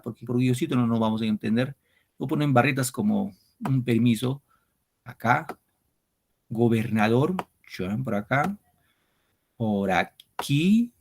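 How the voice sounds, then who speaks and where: A man teaches an online class at an ordinary, middle pitch. He takes his students through each step, counts things out loud, and keeps checking that they follow. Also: slight background noise. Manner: explains step by step, counting syllables aloud and asking his students. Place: home setup for an online class.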